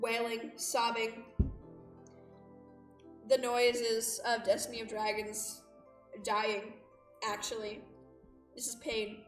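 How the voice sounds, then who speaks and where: This streamer's voice is a little high but monotone, and she speaks slowly, pausing often. She's livestreaming a visual novel, reading it out and chatting with playful, exaggerated reactions. Music sits behind her, and a far-off mic picks up a roomy echo.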